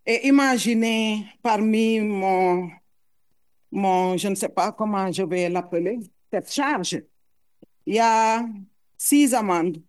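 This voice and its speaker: A middle-aged woman with a foreign accent speaks as a mother addressing a public audience. Her delivery is slow and unhurried, earnest and halting, and she often repeats a word before finding the next. Her voice sits at an ordinary, mid pitch. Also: darkish tone, clean tone. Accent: foreign accent in French. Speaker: mother giving public testimony. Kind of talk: emotional public testimony.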